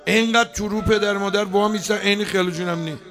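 A man giving a chatty, joking sermon at a religious gathering, now and then bursting out loudly. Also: high voice, fairly even intonation. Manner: chatty and joking, breaking into loud outbursts. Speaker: preacher. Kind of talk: conversational sermon. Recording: live crowd audible behind.

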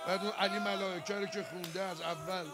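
A man's voice: sits high, steady tone. A man who is a religious eulogist, reciting a mourning elegy and coaching others in how to recite it, with an impassioned, lamenting delivery. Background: music.

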